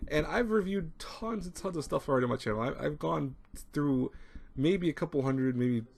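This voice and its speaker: A man's voice: fairly high pitch, moderate pace, creaky, a little mellow. A man of thirty talking casually to his webcam from a small room at home, rambling and repeating himself with lots of fillers. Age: 30s. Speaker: anime review channel host. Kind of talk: casual talk to camera. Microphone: webcam at desk. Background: people talking nearby.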